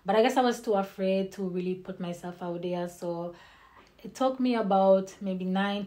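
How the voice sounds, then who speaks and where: Speaking in a mellow, medium-pitched voice, a young vlogger from Haiti who grew up in the Caribbean chats casually to the camera so viewers can get to know her. She's open and personal, says herself that she's a bit nervous, and lets out small laughs.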